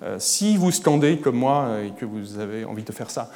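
A man giving an academic lecture at a conference, erudite and hesitant, often pausing on filler sounds. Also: mid-range voice, lively intonation, dark tone, in a large hall. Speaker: conference speaker. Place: conference hall.

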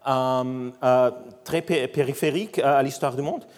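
A man with a foreign accent in French, a non-native speaker giving an academic lecture haltingly, often searching for words and repeating himself. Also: mid-range voice, darkish tone. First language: not French. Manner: halting, searching for words, frequent hesitations and repetitions. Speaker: invited academic speaker, researcher. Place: large lecture hall. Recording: reverberant lecture hall.

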